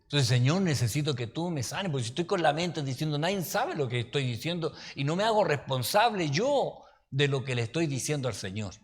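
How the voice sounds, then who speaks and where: Un pastor con acento chileno que da un estudio bíblico en tono de charla, con anécdotas y preguntas como "¿ya?" a los oyentes. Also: male voice, a little high, sing-song, fairly quick. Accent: Chilean Spanish. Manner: folksy, anecdotal, asks listeners "¿ya?". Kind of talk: conversational Bible-study sermon. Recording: reverberant hall.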